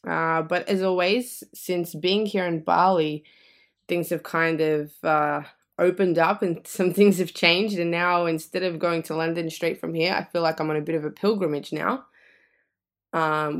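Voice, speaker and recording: A woman with an Australian accent, a guest on a podcast, talking in a reflective way with easy laughter. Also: sits low. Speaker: guest, energy and mindset coach. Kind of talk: casual podcast interview. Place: indoor room.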